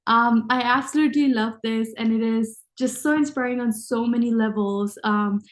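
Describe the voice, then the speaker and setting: A young woman with a fairly high voice hosts an interview. She sounds enthusiastic, reading prepared lines and filling gaps with ums as she introduces her guest. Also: moderate pace. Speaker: interview host. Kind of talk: hosted interview.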